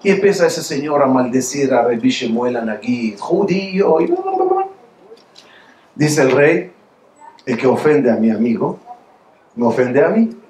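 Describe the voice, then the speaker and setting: A man rabbi giving a storytelling sermon, lively and full of repeated rhetorical questions. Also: medium pitch, unhurried, long pauses, roomy sound.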